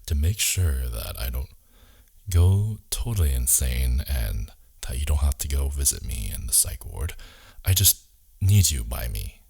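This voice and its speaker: Guy doing ASMR role-play as obsessed boyfriend, romantic leading man type, super husky, dark mellow voice, intimate n coaxing. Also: sing-song, unhurried. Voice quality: husky, gravelly low murmur slipping into soft voice.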